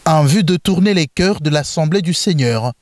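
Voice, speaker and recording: High-voiced male news reporter. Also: lively intonation. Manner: measured formal narration with fillers.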